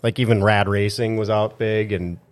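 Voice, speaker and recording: A man's voice: fairly low pitch, fairly even intonation, moderate pace. A man co-hosting a casual movie chat in a studio, rambling with lots of fillers. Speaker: podcast co-host.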